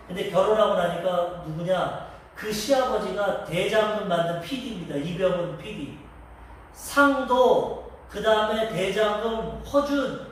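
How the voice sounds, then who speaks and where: Male pastor, storytelling sermon, high-pitched, heard from a distance with heavy church echo. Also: a little hiss or hum. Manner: storytelling, acting out quoted dialogue. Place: church sanctuary. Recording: echoey church hall from a distance.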